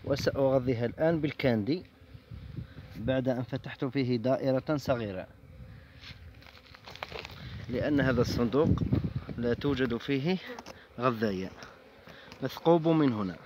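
A man's voice: medium pitch, moderate pace, pauses often, highs cut off. A man recording himself with a handheld phone outdoors on a farm, explaining in a plain, instructive way as he works at open beehives. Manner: plain, instructive, talks while working. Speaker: beekeeper and farmer. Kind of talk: hands-on demonstration narration. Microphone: phone camera held in hand. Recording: outdoor phone recording with clear background noise and insect buzz.

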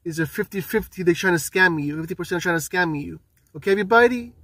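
A man's voice: sits high, fast, bright, forceful tone. A man in his thirties speaking emphatically and repetitively to camera, warning viewers. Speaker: prank video host. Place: small room and parked car interior. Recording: roomy, distant from the mic.

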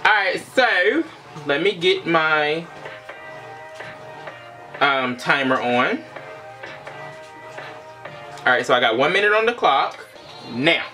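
A man's voice: fairly high pitch, expressive, slow, pauses often, sharp tone, soft background music. A young man chatting casually to camera as a vlogger, informal and full of playful asides. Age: young adult. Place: small indoor room.

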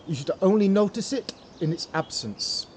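A man's voice: sits high, expressive, normal speed, slight background noise, pitched above the performer's own voice. A man putting on a French accent to voice a retired male Parisian gangster who runs a bar. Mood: sage. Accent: French, put on.

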